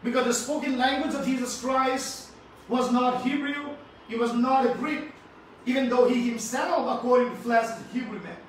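A man's voice: very high voice, moderate pace. A man with an Indian English accent preaching a sermon, emphatic and repetitive, calling on the congregation to answer him. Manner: emphatic, repeats phrases, asks congregation to respond. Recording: very echoey hall, from far off, faint noise.

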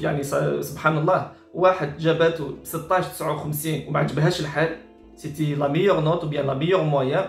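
Casting: Algerian male online commentator, exasperated and repetitive, rapid-fire delivery, echoey room with faint music behind. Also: a little high. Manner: exasperated, repetitive, mixes Arabic with French. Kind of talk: informal reaction commentary. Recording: roomy echo with faint music.

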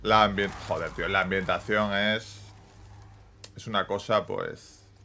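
Excitable Spanish man reacting to gameplay. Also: deep voice, a little hiss or hum. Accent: Spain Spanish. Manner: excitable, peppers speech with quick tags. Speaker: gaming YouTuber. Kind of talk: casual gameplay reaction commentary.

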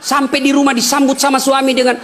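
A male preacher giving a humorous sermon, teasing his audience, shouting at times and crooning bits of songs. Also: extremely high pitch, fast talker. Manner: animated, teasing, swings between shouting and crooning song snippets.

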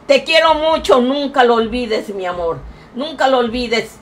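A woman with a Mexican accent chats through a live stream, reading out viewers' messages. Her voice sits high, and she dotes on everyone in a grandmotherly way, breaking into loud excited cries now and then. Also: unhurried. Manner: doting, showers viewers with endearments like a grandmother.

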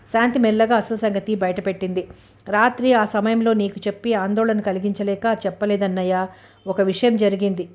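A woman reads a novel aloud as an audiobook narrator, her voice sitting at an ordinary middle pitch. She voices the dialogue of every character without putting on new voices, keeping a calm, even storytelling delivery.

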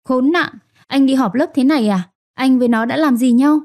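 A young wife full of fury and grief, as a woman narrator voices her. Her voice sits fairly high with a dark, mellow tone, in a dry storybook reading. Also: normal speed, no echo. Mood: furious.

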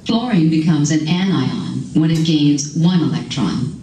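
A woman's voice: low voice, animated, a little slow, warm tone. A woman reading scripted educational narration. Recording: roomy, distant playback, faint noise.

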